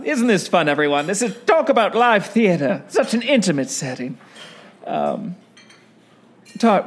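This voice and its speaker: A stage performer talking in a theatrical, grandiose, self-dramatizing way, first from a car parked in a lot and then in a small restaurant. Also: mid-range voice. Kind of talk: comedic mockumentary talk.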